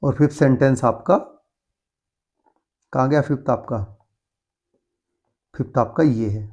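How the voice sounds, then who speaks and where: A man tutoring from an English textbook. He speaks with an Indian accent, reads the English lines slowly and explains quickly in Hindi. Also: mid-range voice, a little mellow.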